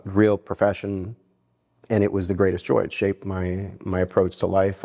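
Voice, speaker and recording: A man's voice: sits low, mellow. A man in his forties from New Jersey, a philanthropy fundraiser answering interview questions in an earnest, reflective way with many fillers and restarts. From United States (New Jersey).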